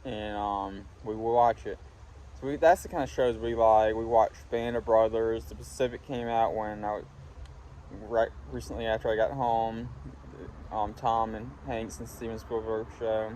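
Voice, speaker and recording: A young man from Alabama talking in a casual, halting, reflective ramble while smoking a pipe, often trailing off. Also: lowish voice, level tone, a little mellow. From Alabama, United States. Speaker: vlogger talking to viewers. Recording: windy, clear background noise. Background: wind.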